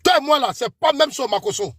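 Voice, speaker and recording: A man's voice: very high-pitched, expressive, quick pace, a bit bright, no room sound, clean studio sound. A man with an Ivorian French accent in a heated political debate, accusing his opponent by name and warning him before God. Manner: preachy warnings invoking God.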